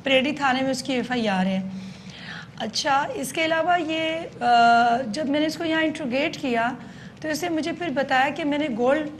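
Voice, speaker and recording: A woman police station chief giving a news interview, explaining in detail with frequent hesitant pauses. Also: sits high, slight background noise.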